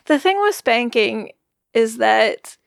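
A middle-aged woman with a somewhat high, gravelly voice chats earnestly as a podcast co-host. She rambles, stacking up fillers as she works through her thoughts, recorded close and dry at home. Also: lively intonation, slow pace, no echo. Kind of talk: casual chat. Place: bedroom at home.

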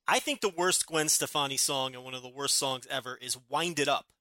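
Male podcast co-host, blunt and casual, forceful tone, close dry sound. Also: mid-range voice, brisk, dry recording. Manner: opinionated, blunt. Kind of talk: casual banter.

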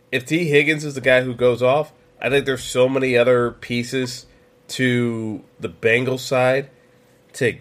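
A man's voice: mid-range voice, fairly bright tone. A man hosting a solo sports podcast, giving opinionated betting picks in a casual way with lots of fillers and restarts. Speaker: podcast host.

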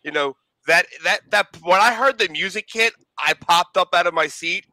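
A man's voice: high voice, normal speed, bright, forceful tone, dry recording. A man in a casual group chat, rambling and emphatic as he talks like a fan.

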